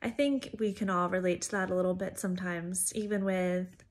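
A woman's voice: lowish voice, steady tone, normal speed. Chatty woman giving a devotional. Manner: chatty and conversational, with frequent fillers. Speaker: educator giving a church devotional. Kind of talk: informal devotional talk.

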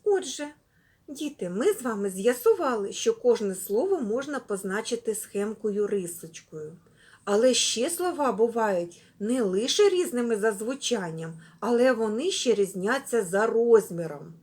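Woman kindergarten teacher, husky, high-pitched, with bouncy, animated delivery for a preschool literacy lesson. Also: a little slow. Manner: lively, sing-song address to small children.

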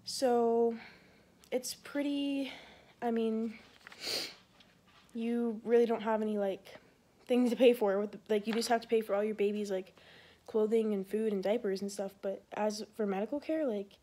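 A woman's voice: fairly high pitch, fairly even intonation, a little slow, mellow. A pregnant woman in her twenties who serves in the Air Force, chatting casually in a rambling vlog, full of fillers and a little short of breath.

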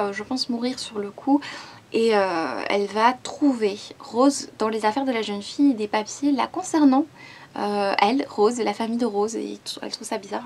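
Book vlogger, woman, slightly high pitch, casual and halting with many fillers. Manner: chatty and hesitant, with frequent fillers. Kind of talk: casual book haul chat.

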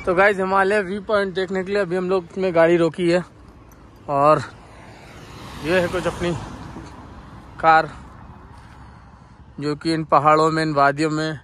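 Male vlogger, 30s, bright keen narration on a phone camera outdoors; road and engine noise clearly behind. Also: fairly high pitch, level tone, measured pace, long pauses, low-quality recording. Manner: enthusiastic, points things out to viewers. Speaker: travel vlogger. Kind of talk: casual travel vlog narration. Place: outdoors on hill roads and in a car. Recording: outdoor traffic and wind noise.

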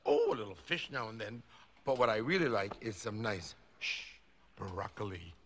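A man voicing a big, timid, friendly male cat in an animated film, giggling and rambling gently. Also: fairly low pitch, normal speed, a little hiss or hum, natural voice. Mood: sheepish. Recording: orchestral film score behind.

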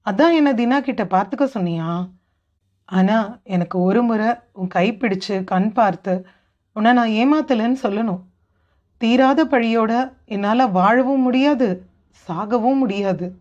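A woman's voice: on the high side, a little slow, pauses often, darkish tone, muffled recording, close to an everyday voice. A woman voicing a grief-stricken young man who pleads in sorrow, read as part of an audiobook. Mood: grieving, pleading.

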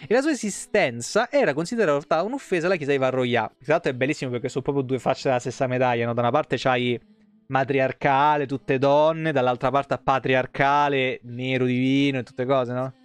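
A live streamer in a small room at home reads game lore aloud in a brisk, clear, resonant mid-range voice. He's colloquial and profane, tossing in sweary asides and stumbling now and then before correcting himself. Faint music plays in the background.

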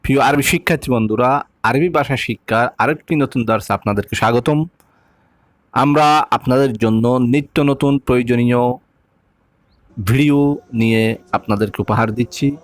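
A man gives a language lesson in a steady middle voice, saying each phrase twice and then slowly breaking it into single words. The recording is dry and close, with no room sound. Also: mid-range voice, no room sound. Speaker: Arabic teacher.

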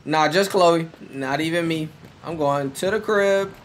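A young man, his voice a little high, cracking jokes and arguing with the characters on screen. A faint hiss sits under the recording. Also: measured pace. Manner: joking, talks back to the characters. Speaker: gaming YouTuber. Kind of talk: casual let's-play commentary.

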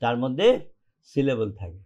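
A man's voice: mid-range voice, lively intonation, normal speed, darkish tone. A man teaching an English grammar lesson in Bengali, explaining step by step and often checking whether the students follow. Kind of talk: online classroom lesson.

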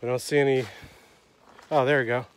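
A man's voice: mid-range voice, flat delivery, a little fast, a little hiss or hum, rough recording. A man chatting and joking playfully with a companion while filming a hike on a wooded trail. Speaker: hiker filming a trail vlog. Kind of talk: casual chat while hiking.

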